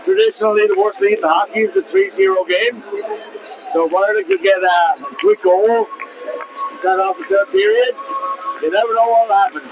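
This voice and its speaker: A man's voice: high-pitched, sing-song, normal speed, over music, low-quality recording. A man giving color commentary on an ice hockey game, chatty analysis mixed with eager cheers of encouragement.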